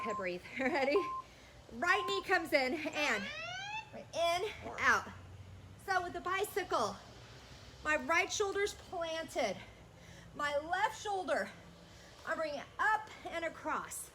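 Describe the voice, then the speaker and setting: A woman's voice: high voice, bright, forceful tone, slight background noise. A woman leading a workout as a fitness instructor, energetically calling out cues and counts.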